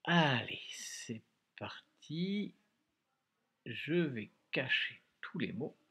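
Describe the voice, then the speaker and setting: Slow, patient male teacher. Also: medium pitch, animated, sharp tone, breathy edge. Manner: slow and patient, syllable by syllable, frequent "hein". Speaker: primary school teacher. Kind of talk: recorded remote dictation lesson.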